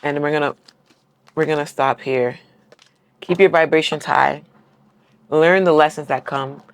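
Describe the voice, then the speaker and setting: In an unhurried, fairly even low voice, a tarot reader gives a relaxed collective reading to the people watching. She affirms and encourages them throughout, leaning on "right?" as a check-in, and is sincere to the point of almost crying now and then.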